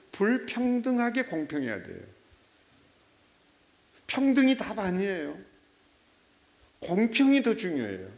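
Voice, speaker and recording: A middle-aged man preaching a sermon as a pastor, telling stories with animation and prodding his listeners with quick rhetorical checks. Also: on the high side, darkish tone.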